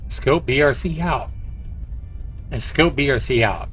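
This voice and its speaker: Medium-pitched, a bit bright, and a little slow, a man reads a visual novel's narration aloud on a livestream as a storyteller would, tossing in short asides. Faint game music plays behind his voice.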